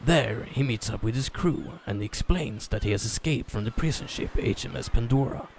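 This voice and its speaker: A mid-range male voice delivers a dramatic story reading, pausing deliberately in a theatrical way. A little hiss or hum sits under the recording.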